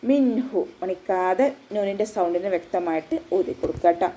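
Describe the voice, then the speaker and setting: Mellow-voiced woman teaching recitation. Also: lowish voice, a little fast, a little hiss or hum, low-quality recording. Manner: patient step-by-step instruction, with frequent checks for understanding. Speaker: Quran teacher. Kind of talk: recorded tajweed lesson.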